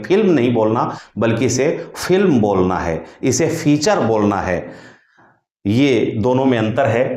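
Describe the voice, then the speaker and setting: A man teaching a grammar lesson for exam preparation, taking his time and sounding out each consonant again and again. His pace is unhurried, and his voice carries a noticeable echo from the room. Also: mid-range voice, a little mellow. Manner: slow, deliberate, repeats sounds to demonstrate; addresses listeners as friends, with thinking fillers. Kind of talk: exam-prep phonetics lesson.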